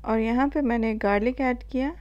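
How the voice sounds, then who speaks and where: High, mellow-voiced Indian woman narrating a recipe. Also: muffled recording. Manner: calm step-by-step instructions with filler pauses. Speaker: cooking channel host. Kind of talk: voice-over cooking tutorial.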